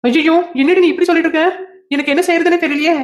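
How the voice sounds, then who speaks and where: A woman voicing a calm young office worker in a cartoon, speaking casually with a Kanyakumari Tamil accent. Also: very high-pitched, very fast, reverberant. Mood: worried.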